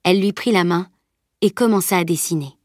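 A woman narrating a novel in an audiobook with a calm, even reading. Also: on the low side, fairly quick, dry recording, clean studio sound. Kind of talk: scripted narration.

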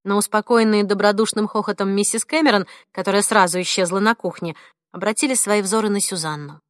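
A woman narrating an audiobook in a measured, even storytelling voice. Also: mid-range voice, no room sound, clean studio sound. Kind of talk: scripted narration.

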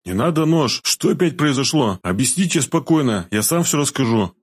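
A man's voice: medium pitch, expressive, normal speed, slightly rough, pitched above the performer's own voice. A man voicing a frantic, desperate captive. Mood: pleading. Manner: raised, pleading then raging.

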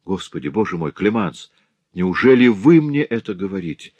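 A man's voice: low-pitched, sing-song, normal speed, a little mellow, dry recording, dull audio. A man voicing a passionate, tearful aristocratic husband in an audiobook, speaking with emotion. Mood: impassioned. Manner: emotional and impassioned. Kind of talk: audiobook reading.

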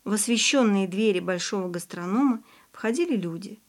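A woman narrating an audiobook in a calm, even storytelling voice. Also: medium pitch, a little fast. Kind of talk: scripted narration.

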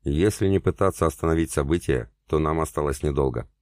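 A man's voice: very deep voice, a little fast, a little mellow, no echo, clean studio sound. A man voicing a grave, middle-aged male colonel in an audiobook, speaking in a solemn, warning tone.

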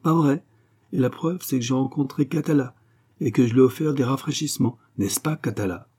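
A man reading an audiobook, voicing a brash, tomboyish young woman with mocking, quick retorts. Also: medium pitch, mellow, slightly rough, pitched above the performer's own voice. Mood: defiant.

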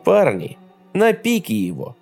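A man's voice: high-pitched, wildly swooping pitch, unhurried, creaky, darkish tone, husky, faint music behind, pitched above the performer's own voice, full character voice. Coarse bandit boss man, bullying and crude, snarling threats, as a narrator puts him on. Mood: rough threatening.

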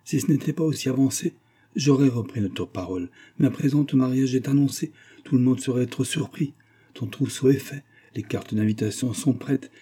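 A man's voice: mid-range voice, moderate pace, mellow, slightly rough, voice pushed up, close to an everyday voice. A man reading a classic novel aloud, voicing a proud and stern middle-aged aristocratic mother who scolds her daughter. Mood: haughty. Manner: haughty, scolding.

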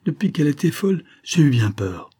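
A man's voice: a little high, very animated, a little fast, warm tone, breathy edge, no room sound, studio quality, pitched above the performer's own voice. A man voicing a tired young country girl working as a nurse, plaintive and exasperated.

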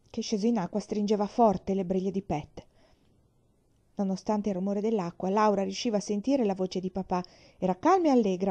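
A woman narrating a children's novel as an audiobook, expressive and measured. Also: medium pitch. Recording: slightly dull recording.

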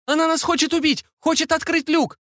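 A man's voice: fairly even intonation, brisk, fairly bright tone, no room sound, clean studio sound. A man doing a shrieking panicked young woman. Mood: panicked shouting. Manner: high strained shrieks. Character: panicked young woman Inna, shrill and breathless.

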